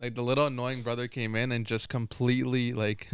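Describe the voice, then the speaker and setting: A chatty man riffs on football with lots of "like" and quick laughs. His voice is mid-pitched, clear and smooth, with a dry close sound. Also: dry recording. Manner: animated, filler-heavy, laughs while talking. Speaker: podcast co-host. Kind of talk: casual football chat.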